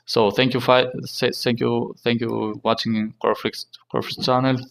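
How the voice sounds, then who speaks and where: A man hosting a casual tech tutorial in halting, non-native English, repeating himself and using fillers. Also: medium pitch, level tone, vocal fry, a bit bright. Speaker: tech channel host.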